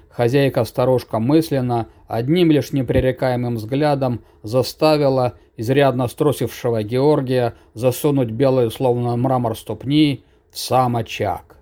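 A man reading a fantasy story aloud as an audiobook narrator, steady and measured. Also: mid-range voice.

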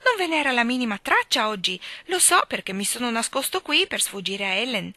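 An eager, hopeful little boy from a storybook, as a woman puts him on. His voice sits higher and louder than the reader's own, bright and urgent. The sound is dry and close. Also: normal speed, no echo. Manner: excited and pleading.

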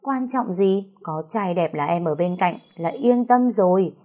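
A woman's voice: lowish voice, animated, measured pace, dark tone. Cheeky joking young guy cousin in an audio story, woman reading it. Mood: teasing. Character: teasing young male cousin, cheeky and playful.

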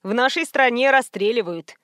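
A woman's voice: a little high, normal speed, fairly bright tone, dry recording, clean studio sound, close to an everyday voice. Woman voicing a smug teenage boy killer. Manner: smug, cheerfully callous.

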